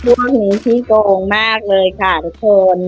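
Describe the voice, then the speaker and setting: A woman's voice: medium pitch, fairly even intonation, normal speed, highs cut off. A woman teasing and urging on her friends in a casual online game, with blunt, swearing talk. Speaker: teammate. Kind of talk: casual gaming chat.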